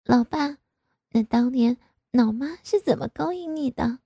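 A woman's voice: high voice, measured pace, dark tone, husky, dry recording, voice pushed up, full character voice. A woman playing a coy, wheedling young woman. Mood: coy, pouty. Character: young married woman, coy and pouty daughter. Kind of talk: audio story reading.

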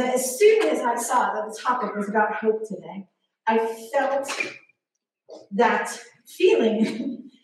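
A woman in her forties preaching a sermon, telling a self-mocking story with animated energy. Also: fairly high pitch. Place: large church hall. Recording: very echoey hall, distant mic, faint noise.

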